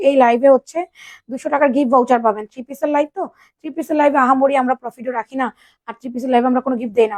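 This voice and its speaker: High-voiced woman with a sore throat selling clothes live. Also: a little mellow, no room sound. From Bangladesh. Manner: chatty, greets viewers by name, keeps asking if she is heard. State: sore throat, speaking softly. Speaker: online clothing seller. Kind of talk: live sales stream.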